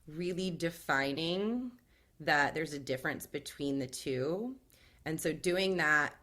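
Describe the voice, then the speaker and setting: A woman with a notably low voice speaks as a guest on a podcast. She explains in a calm, measured, steady way, like someone used to guiding others. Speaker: trauma awareness guide, podcast guest. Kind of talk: casual podcast conversation.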